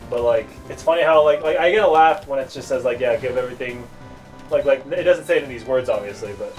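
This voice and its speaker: A man's voice: medium pitch, fast talker, darkish tone, distant mic, soft background music. A young man chatting casually while playing a video game, rambling and joking with lots of fillers. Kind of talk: casual gameplay chat.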